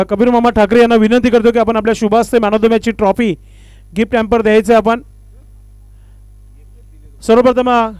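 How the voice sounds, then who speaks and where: A man doing live commentary and formal stage announcements at a local cricket tournament, with honorific phrases and filler pauses. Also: extremely high pitch, darkish tone, clear, resonant tone, no echo.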